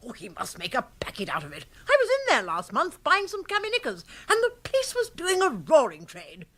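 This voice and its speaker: An actress playing a hearty, boisterous middle-aged aunt in a radio comedy, bossy and exclamatory with an upper-class English accent. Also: female voice, high-pitched, wildly swooping pitch, brisk, bright, forceful tone, heavily acted. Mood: gleeful. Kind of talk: radio comedy drama acting.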